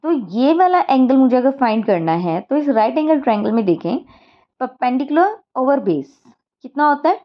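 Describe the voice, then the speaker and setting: A woman's voice: high voice, big pitch swings, moderate pace, lo-fi sound. A woman maths teacher, explaining a lesson step by step and often checking that students follow.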